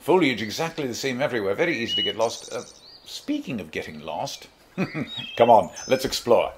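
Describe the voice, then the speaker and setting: A man's voice: mid-range voice, big pitch swings, normal speed, noisy background, close to an everyday voice. A man playing an eccentric, cheerful, curious alien time traveller in an audio drama, with a theatrical, wordy manner. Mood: delighted, curious.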